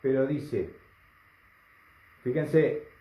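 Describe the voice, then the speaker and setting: A man's voice: medium pitch, very slow, dark tone. A man preaching a sermon, emphatic and full of rhetorical questions to the congregation. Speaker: pastor. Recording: roomy, slightly dull recording.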